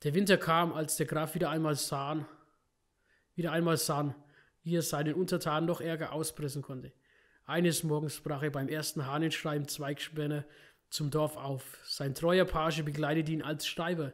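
A let's play host with a fairly high male voice and little pitch movement reads in-game books aloud at normal speed during a game playthrough. He narrates steadily, making small slips and correcting himself.

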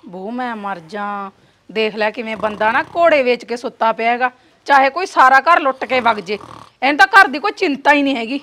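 A woman's voice: sits high, animated, quick pace, bright, forceful tone, slight background noise. A woman acting a nagging wife who quarrels with her lazy husband in a comedy short film. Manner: nagging, argumentative.

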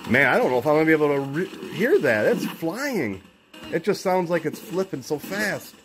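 A middle-aged man with a slightly high voice hosts a casual homemade video. He talks informally and rambles as if half to himself. There is clear music or radio-like sound behind him in the room. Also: big pitch swings, normal speed. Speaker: video host. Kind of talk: casual vlog narration with questions called out to spirits. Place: indoors by a window in a room. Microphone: handheld camera, speaker off screen.

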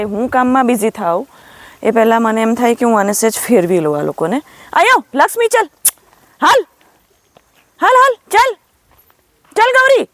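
A Gujarati woman chatting casually in a vlog, often calling to her child and her cows in a high, coaxing sing-song voice, outdoors on a farm. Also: darkish tone, no echo. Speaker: vlogger and mother.

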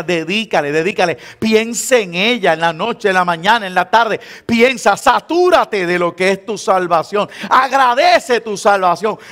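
Preaching as pastor with an accent from Puerto Rico, this man has a high, slightly bright voice. He teases his listeners in a chatty sermon and plays out the lines of believers he cites.

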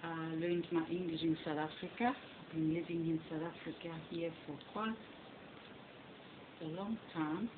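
A middle-aged woman with a Flemish Belgian accent rambles fondly through a home vlog, calling everything lovely. Her voice sits on the low side and sounds thin and tinny, like a phone line. Clear hiss and hum from a cell phone hang behind her. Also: fairly even intonation, a little slow. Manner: chatty and rambling, fond of the word lovely. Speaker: reborn doll hobbyist. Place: bedroom at home. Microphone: phone camera on a stand.

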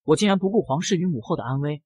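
A woman's voice: low-pitched, expressive, rapid-fire, breathy edge, no room sound. A woman voicing a proud, defensive young crown prince in a manga recap. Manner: haughty, indignant retorts. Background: loud background music.

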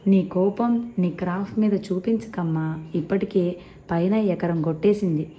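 A woman's voice: lowish voice, a little slow, highs cut off, natural voice. Lady doing a cheeky young wife, teasing, faint hiss behind. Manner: teasing, mischievous.

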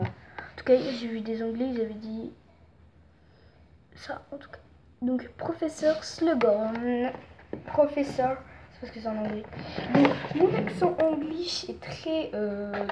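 A woman vlogger chatting casually and excitedly as she shows off her collection, rambling with fillers and gushing over each item. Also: on the high side. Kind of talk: casual show-and-tell chat. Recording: dull lo-fi sound with faint noise.

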